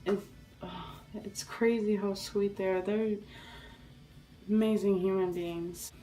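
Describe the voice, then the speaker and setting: A young woman telling a story in a casual vlog, excitable and rambling, with many restarts and fillers. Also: mid-range voice, takes it slowly, far from the mic, faint music behind, rough recording. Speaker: vlogger.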